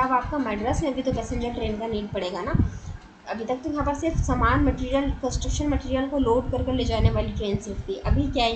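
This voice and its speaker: Woman teaching with a fairly high voice. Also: noisy background. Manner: mixes English words into explanation, addresses students directly with questions. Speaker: exam coaching teacher. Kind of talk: explanatory online lecture.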